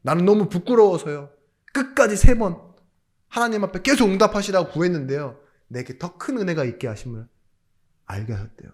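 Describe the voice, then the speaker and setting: A male pastor from South Korea delivers a sermon with rhetorical questions and jokey asides, suddenly raising his voice for emphasis. His voice sits high, with lively intonation and a brisk pace.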